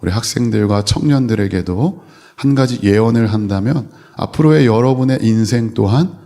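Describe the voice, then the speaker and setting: A man's voice: on the low side, normal speed, mellow. A man who is a pastor preaching a sermon to young people, telling a story and speaking directly to his listeners. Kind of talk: sermon to youth.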